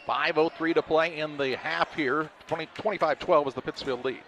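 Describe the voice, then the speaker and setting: A man calling a high school basketball game in quick, clipped play-by-play. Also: fairly even intonation, a bit bright. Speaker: play-by-play announcer. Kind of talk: live sports commentary. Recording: crowd noise and gym ambience behind.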